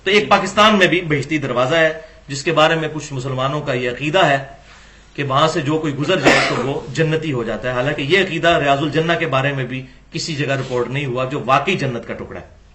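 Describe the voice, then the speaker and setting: A man's voice: fairly high pitch, background noise. A man giving a religious lecture, arguing his points with rhetorical questions. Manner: argumentative, rhetorical questions, acts out quoted dialogue.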